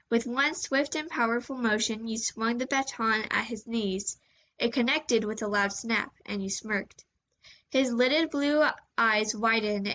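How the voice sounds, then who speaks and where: A woman with a slightly sore voice reading second-person fanfiction aloud in a steady storytelling manner. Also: fairly high pitch, rough recording. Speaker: fanfiction reader.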